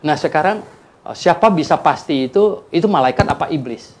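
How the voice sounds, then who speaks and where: A man speaking as a pastor and guest on a church talk show, animated and acting out quoted dialogue, with frequent tag words. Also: on the high side, fairly quick, slight background noise.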